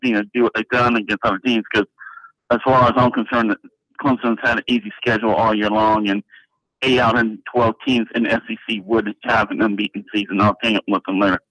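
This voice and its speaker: A man's voice: on the low side, little pitch movement, fairly quick, a bit bright, no echo. A man calling into a sports radio show over the phone, giving a casual, rambling prediction. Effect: heard over a phone line. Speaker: radio call-in caller. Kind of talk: casual call-in sports opinion. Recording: muffled, dull phone-line sound.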